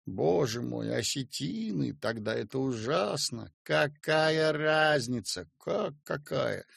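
A man's voice: mid-range voice, expressive, slow pace, creaky, a bit bright, breathy edge, no echo, studio quality, exaggerated voice. A man voicing a flustered, fussy hostess. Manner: flustered, anxious. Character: nervous fussy middle-aged hostess.

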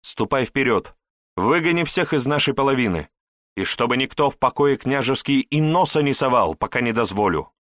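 A man's voice: lively intonation, moderate pace, a bit bright, dry recording, clean studio sound, lightly acted. A man voicing a passionate young princess. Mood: urgent. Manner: pleading, then fiery and shrill. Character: impassioned young grand princess, jealous wife. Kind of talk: audiobook reading.

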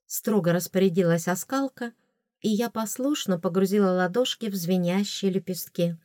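A woman reading a first-person audiobook in an expressive, wry way. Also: mid-range voice, normal speed, dry recording, studio quality. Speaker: audiobook narrator.

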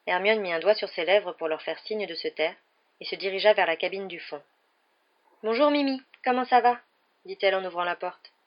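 A woman narrating a novel aloud in a measured, steady way. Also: fairly low pitch, muffled recording. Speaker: reader. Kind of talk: audiobook narration.

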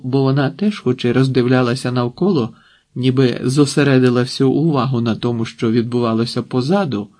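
A man narrates a literary novel at a calm, measured pace. His voice sits at an ordinary middle pitch for a man and carries the story steadily. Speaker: audiobook narrator. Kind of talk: literary audiobook reading.

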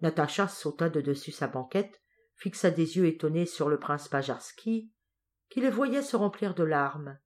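A woman narrating an audiobook of a classic novel in a measured, expressive reading. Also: sits low. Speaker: audiobook reader.

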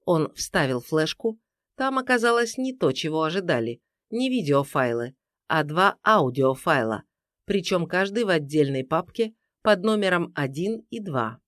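A narrator reading a detective story in expressive scripted narration. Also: mid-range voice, measured pace, no room sound, clean studio sound. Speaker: audiobook narrator.

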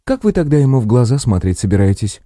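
A man's voice: medium pitch, sing-song, fast talker, mellow, no echo, studio quality, pitched above the performer's own voice, close to an everyday voice. A man doing a stern old lady paramedic. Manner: lecturing, curt, teacherly tone. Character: elderly stern female paramedic, dry and bossy.

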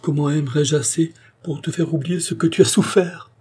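A man's voice: on the high side, fairly even intonation, normal speed, warm tone, husky, pitched above the performer's own voice. A man voicing an ardent young nobleman declaring his love in an audiobook, tender and insistent. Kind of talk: audiobook reading of a novel.

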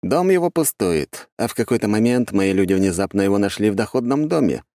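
A man narrating puts on a brisk, loyal investigator with a swinging, animated voice. He leans hard on his words and stays loyal but blunt. The sound is dry and close. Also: on the low side, dry recording. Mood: puzzled. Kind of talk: audiobook character voice.

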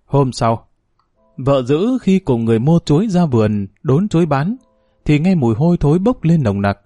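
A man narrating a village crime story in a steady, measured way. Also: a little high, no room sound.

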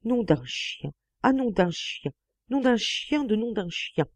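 A woman reading an audiobook voices a panicked master of the house who shouts and curses over and over. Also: a little high, big pitch swings, slow, no room sound, voice pushed up, heavily acted. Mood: cursing. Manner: shouting, obstinate cursing.

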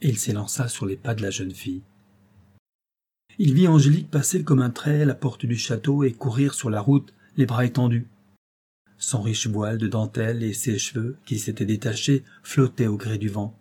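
A man narrating a classic tale in a measured, expressive reading voice. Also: mid-range voice, breathy edge. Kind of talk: scripted audiobook narration.

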